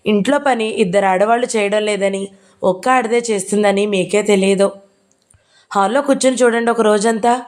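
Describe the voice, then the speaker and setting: Lady reading a novel out loud, steady storytelling, mid pitch. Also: moderate pace. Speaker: audiobook narrator. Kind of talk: reading a novel aloud, voicing dialogue.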